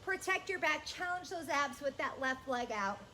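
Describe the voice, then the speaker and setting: Bright, high-pitched woman fitness instructor. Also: normal speed, slight background noise. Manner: energetic coaching, calling out cues and counts. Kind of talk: workout instruction.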